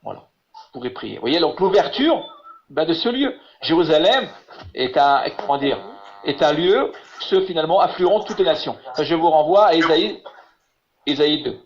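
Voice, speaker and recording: A man teaching Hebrew in an online lesson over a video call. He talks haltingly, repeating words and filling with "voilà". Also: on the high side, very animated. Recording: muffled lo-fi web call audio.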